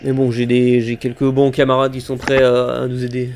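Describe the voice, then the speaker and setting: A man playing a steady colonel in a tabletop game, speaking deliberately and with some hesitation. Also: mid-range voice, slight background noise, natural voice. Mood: measured. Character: steady male colonel bluffing his way through negotiations.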